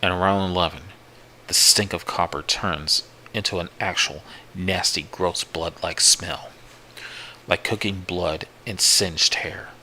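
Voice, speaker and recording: A man narrating a first-person horror story in a profane, repetitive, unhurried way. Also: deep voice, steady tone, sharp tone, a little hiss or hum, low-quality recording. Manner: profane, slow, repetitive retelling.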